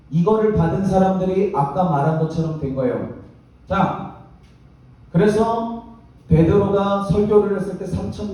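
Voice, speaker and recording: A man's voice: fairly high pitch, mellow. Preaching man in an echoey hall. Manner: emphatic preaching with call-and-response repetition. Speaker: pastor. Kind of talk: sermon. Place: church youth worship hall. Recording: echoey church hall mic from a distance.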